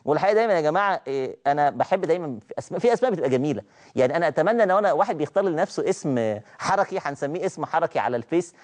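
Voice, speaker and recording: A man's voice: a little high, animated, racing, a little mellow. A man with an Egyptian accent hosting a live TV talk show, reading viewer names with chatty asides. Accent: Egyptian Arabic. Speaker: TV show host. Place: TV studio.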